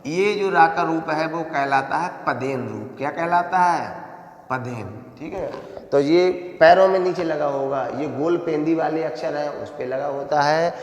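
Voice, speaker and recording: A male primary school teacher giving a grammar lesson, stretching words out slowly and asking questions that he answers himself. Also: on the high side. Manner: slow, drawn-out syllables, asks questions and answers them himself. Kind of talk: classroom lesson explaining grammar. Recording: echoey, reverberant room.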